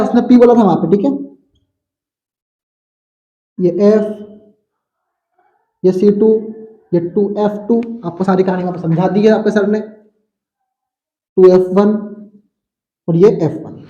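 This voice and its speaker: A man's voice: sits high, warm tone. Male science teacher, Central Indian Hindi accent, chatty storyteller, roomy echo. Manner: chatty, addresses students as brother, tells stories. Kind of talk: classroom physics lesson.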